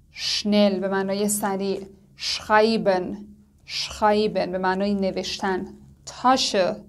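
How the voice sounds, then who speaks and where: A woman giving a step-by-step language lesson. She stretches out each example word slowly, then moves on quickly to its meaning. Her pitch sits in a plain middle range. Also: darkish tone. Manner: slow, drawn-out model words between quick explanations. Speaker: German language teacher. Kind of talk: lesson narration.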